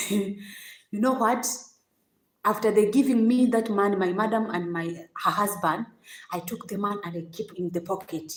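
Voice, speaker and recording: A woman telling her own story on a casual livestream, halting and repeating words as she goes, with frequent laughs. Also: medium pitch. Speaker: vlogger. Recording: echoey room.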